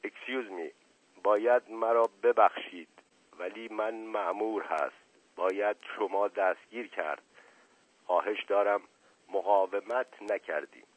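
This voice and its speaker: A man voicing a soldier who speaks formal, broken Persian in stiff, halting phrases. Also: on the low side, no echo, narrow, tinny audio, close to an everyday voice.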